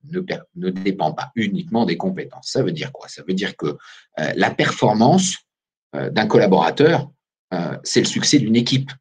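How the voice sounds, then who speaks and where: A man presents a business webinar as a recruiter, speaking into a video call microphone. His voice is somewhat low and husky, and it rises and falls a great deal as he talks. He keeps turning to his listeners with direct questions. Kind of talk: lively business webinar talk.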